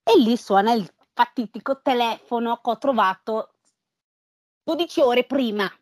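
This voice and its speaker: A woman's voice: on the high side, moderate pace, darkish tone, no echo, clean studio sound. A young woman telling stories in a casual group chat, slangy and informal, acting out the dialogue she quotes.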